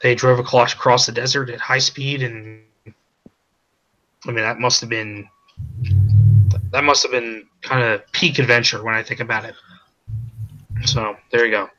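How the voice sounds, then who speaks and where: A man being interviewed as a comic creator, talking in a halting way with many repeated words and restarts. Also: medium pitch, fairly even intonation, pushed and bright, muffled recording. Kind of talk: casual stream interview.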